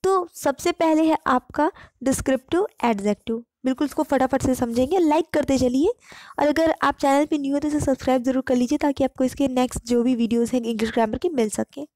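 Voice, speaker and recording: A woman teaching English grammar in Hindi. She reads the English example sentences slowly and clearly. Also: sits high, darkish tone, no echo. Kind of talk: online grammar lesson.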